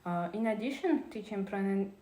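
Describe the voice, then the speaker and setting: A woman's voice: medium pitch, lively intonation, normal speed, dark tone, echoey room, poor audio. A woman presenting a prepared talk on teaching, reading carefully with small restarts.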